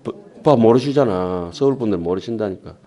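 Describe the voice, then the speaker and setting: Casting: middle-aged monk with a Gyeongsang accent, lowish voice, slow sutra reading broken by fast chatty asides. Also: male voice, animated, dark tone, muffled recording. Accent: Gyeongsang dialect. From Gyeongsang region of Korea. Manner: slow deliberate reading of the text, then quick chatty asides to the audience. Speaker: Buddhist monk lecturer. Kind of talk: sutra lecture to lay Buddhists. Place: temple lecture hall with an audience.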